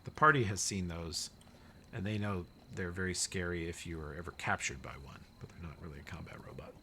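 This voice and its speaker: Bright-voiced man running a tabletop game. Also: sits low, a little fast. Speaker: game master. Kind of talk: narrating a tabletop game, casual. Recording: noisy background.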